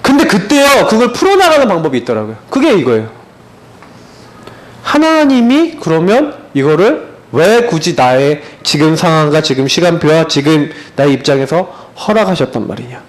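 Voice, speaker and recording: A man in his thirties preaching as a pastor in a church, animated and storytelling, with many rhetorical questions. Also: a little high, normal speed. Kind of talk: sermon. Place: church sanctuary.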